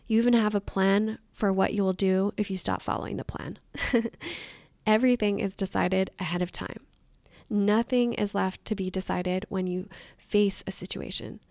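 A woman coaching her podcast listeners in an upbeat, encouraging monologue. Her voice has a gravelly, fry-edged texture. It sits close and dry on the mic with no room around it. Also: medium pitch, a little mellow, no echo. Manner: upbeat and encouraging, with light laughs. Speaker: podcast host and weight loss coach.

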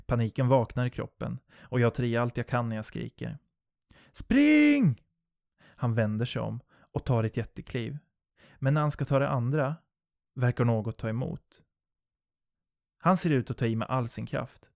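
A man narrating a first-person horror story in a low, steady storytelling voice. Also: gravelly, no echo, studio quality.

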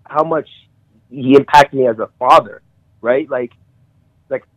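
A middle-aged man sharing memories of a friend on a call, halting with many restarts and emotional. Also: mid-range voice, no room sound. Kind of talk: casual conversation. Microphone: call audio. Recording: tinny phone-like call audio.

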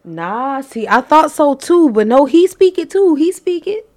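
A woman with a Southern accent, co-hosting a casual podcast chat and telling stories with lively, acted-out voices. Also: sits high, a little slow. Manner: animated storyteller, acts out voices. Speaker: podcast co-host.

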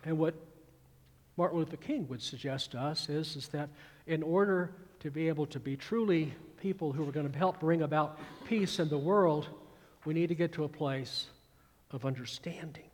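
A man's voice: fairly high pitch, normal speed, in a large hall. A man in his sixties with a Georgia accent, preaching a sermon with emphatic repetition and recited verse. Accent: Georgia Southern. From American South. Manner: emphatic, repeats phrases, recites verse with swelling volume. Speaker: pastor.

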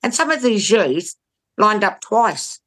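A woman's voice: medium pitch, very animated, slow, fairly bright tone. A woman with a New Zealand accent giving blunt, emphatic opinions in conversation, repeating phrases for stress. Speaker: interview guest.

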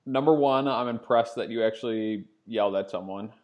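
A man's voice: on the low side, brisk, darkish tone. A man co-hosting a casual podcast, teasing his friends and then reflecting thoughtfully. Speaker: podcast co-host.

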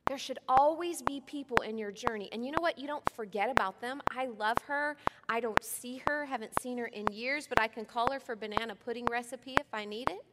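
Middle-aged woman preacher, conversational and earnest, in a big echoing sanctuary with loud noise behind. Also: on the high side, brisk, hardly any pauses. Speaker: pastor. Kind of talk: sermon. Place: church sanctuary. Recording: long hall reverb, loud background noise.

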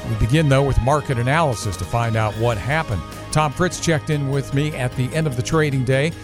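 Guy hosting a farm market report on radio, mid pitch, music playing behind him. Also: a little fast. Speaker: farm market news host.

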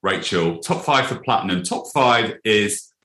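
A man's voice: fairly low pitch, lively intonation, measured pace, bright, forceful tone, reverberant. A man hosting a casual interview, rambling and upbeat as he tells anecdotes and cheers on his guest. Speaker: podcast host interviewing a hairstylist.

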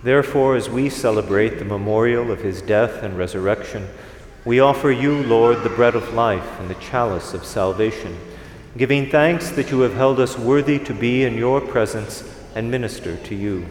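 Priest praying in a cathedral-like echo. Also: male voice, medium pitch. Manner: measured, formal phrasing. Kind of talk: solemn liturgical prayer recitation. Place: large reverberant church during Mass. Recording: echoey cathedral-like reverb, faint background noise.

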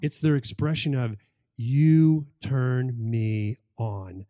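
A man's voice: medium pitch, slow pace, warm tone, dry recording, studio quality. A man co-hosting a podcast conversation, making his points emphatically and repeating key phrases for stress. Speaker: podcast co-host.

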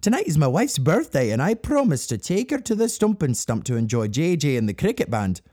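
A woman putting on a gentle older male bank manager with a deep, husky, mellow voice that swoops widely as he talks. He sounds fatherly and kind in a storybook reading. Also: very animated, fairly quick, no room sound, clean studio sound, heavily acted. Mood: kindly.

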